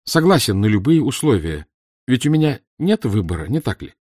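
A man voicing a proud young Irish reporter who is quick to take offense. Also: medium pitch, big pitch swings, a little mellow, husky, no room sound, studio quality, voice pushed up. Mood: resigned. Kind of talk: audiobook reading.

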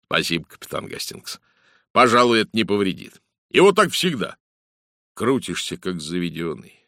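A man voicing a brisk, blunt middle-aged police inspector in an audiobook, talkative and matter-of-fact. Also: low voice, big pitch swings, fairly bright tone, no room sound, studio quality, exaggerated voice. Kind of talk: audiobook character voice.

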